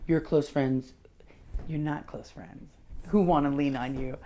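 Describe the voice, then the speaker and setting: A woman working as a handwriting analyst, giving a casual, frank personality reading in a chatty, animated way and laughing often. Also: deep voice, moderate pace, a little hiss or hum. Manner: animated, acts out his inner voice.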